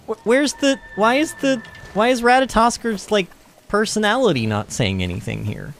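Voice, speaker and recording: A young streamer hosts a gaming livestream, chatting loosely, rambling, laughing easily, and answering his chat while he plays. His fairly high voice swings up and down in pitch, with vocal fry, a measured pace, and frequent pauses. Slight background noise is present.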